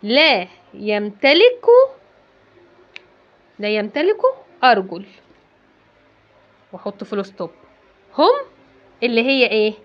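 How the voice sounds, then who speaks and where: Lively Egyptian woman teaching kids. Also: mid-range voice, measured pace, long pauses, highs cut off. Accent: Egyptian Arabic. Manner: asks and answers her own questions, repeating key words. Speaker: English teacher for children. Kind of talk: classroom-style lesson explanation.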